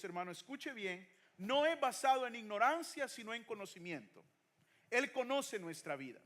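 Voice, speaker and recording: High-voiced preaching pastor. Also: male voice, fairly bright tone. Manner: preaching with rhetorical questions, mixing in English phrases. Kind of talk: sermon.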